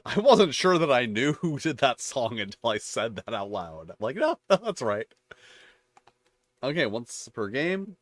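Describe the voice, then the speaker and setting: A man's voice: medium pitch, sing-song, normal speed, hardly any pauses. A man hosting his channel, reading tabletop game rules aloud and breaking off into chatty, rambling asides. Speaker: channel host reviewing tabletop games.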